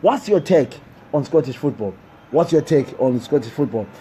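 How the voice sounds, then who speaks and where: A man's voice: mid-range voice, lively intonation, moderate pace, dark tone, a little hiss or hum, rough recording. A man hosting a live football talk stream indoors, repeating his questions and calling on viewers to reply. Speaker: sports show host. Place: indoors in a building.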